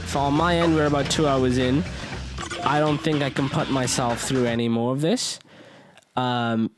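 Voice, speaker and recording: A man's voice: medium pitch, steady tone, normal speed. A man hosting a podcast, commentating his gameplay with exasperated, swearing complaints. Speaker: podcast host. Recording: game audio and music playing behind.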